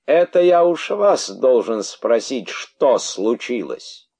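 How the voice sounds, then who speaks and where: A man reading aloud as an old, pompous python king who declaims his outrage loudly and theatrically. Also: sits high, drawn-out words, clean tone, voice pushed up. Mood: indignant ranting.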